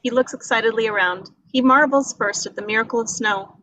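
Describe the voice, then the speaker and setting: At a table read, a woman reads the screenplay's action descriptions and stage directions in a dramatic storytelling manner. Her voice is a little high and a bit bright, she speaks a little fast, and the recording is rough.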